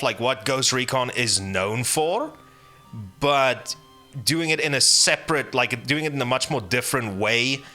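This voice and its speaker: A man's voice: mid-range voice, bright, forceful tone. A man chatting casually about games, rambling with many restarts and fillers, blunt and profane. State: hiccuping. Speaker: gaming channel host. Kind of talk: casual rambling game commentary.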